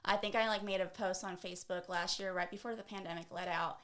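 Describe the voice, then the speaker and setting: Laid-back woman with gravelly fry. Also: medium pitch, fairly even intonation, quick pace, fairly bright tone. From Dallas, USA. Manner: laid-back, giggly, lots of "like". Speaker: guest. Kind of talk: casual podcast chat.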